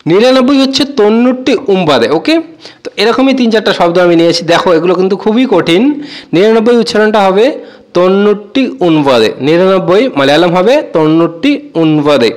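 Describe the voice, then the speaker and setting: A man giving a casual spoken language lesson, repeating each word slowly and addressing viewers as friends. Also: high voice. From Bengal. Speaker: language teacher.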